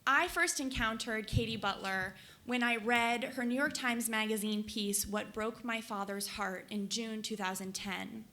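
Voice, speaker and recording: A young woman from Colorado, USA, a book editor, gives a prepared speech to a conference audience in a conference hall. Her medium-pitched voice is gravelly with a fairly bright tone, and she reads from notes in an earnest, enthusiastic way.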